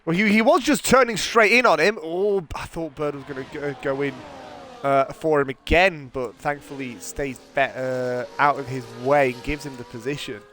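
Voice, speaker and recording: Excitable male sim racing commentator. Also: a little high, moderate pace, slight background noise. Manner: excitable, exclaims at contact, chatty. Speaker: race commentator.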